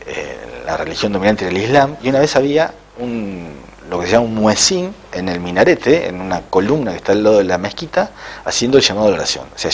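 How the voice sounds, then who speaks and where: Husky-voiced man telling a spiritual tale. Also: on the low side. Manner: halting, with frequent "eh" fillers. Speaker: interviewed author. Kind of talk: spiritual storytelling in an interview.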